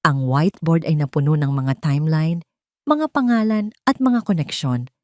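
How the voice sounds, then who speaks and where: Reading a scripted dramatic story as narrator, this Filipino-accented woman speaks in a low, expressive voice at a moderate pace. Her tone is darkish, and the sound is clean studio audio with no echo.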